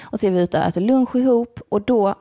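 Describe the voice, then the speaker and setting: A woman's voice: medium pitch, dark tone. A woman in casual conversation, animatedly telling a story and laughing often. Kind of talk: casual chat.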